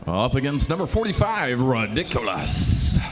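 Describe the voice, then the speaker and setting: A man calling a junior roller derby game as play-by-play commentator, talking quickly with lots of "uh" fillers. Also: mid-range voice, animated, a little hiss or hum. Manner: fast, filler-heavy, self-described caffeinated. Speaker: sports commentator.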